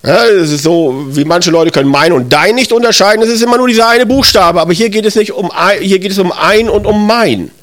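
Middle-aged male preacher, slightly high voice, chatty sermon style, asks the congregation questions. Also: brisk, hardly any pauses, fairly bright tone. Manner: conversational, addresses listeners directly, with self-corrections. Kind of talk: sermon with Bible reading.

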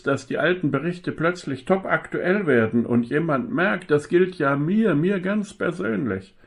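A man preaching a sermon, speaking slowly and with emphasis and asking the listeners rhetorical questions. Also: mid-range voice.

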